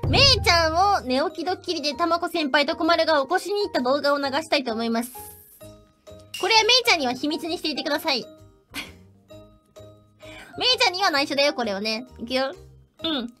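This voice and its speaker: A young woman streaming with a high voice that bounces up and down all over the place. She chats playfully and giggles often between her sentences, with soft music playing faintly behind her. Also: animated, brisk. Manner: playful and chatty. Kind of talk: casual stream chat.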